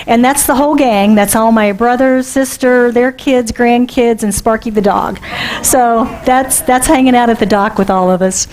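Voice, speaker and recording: Conversational woman minister, higher voice. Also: a little mellow, low-quality recording. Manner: conversational, asks the congregation questions. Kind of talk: sermon. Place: church sanctuary.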